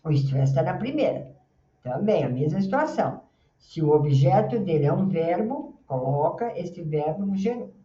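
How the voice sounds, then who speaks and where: A woman with a Brazilian Portuguese accent teaching an English grammar lesson, patiently explaining and sounding out English words slowly. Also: fairly low pitch, big pitch swings, warm tone. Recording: roomy, distant, dull lo-fi sound.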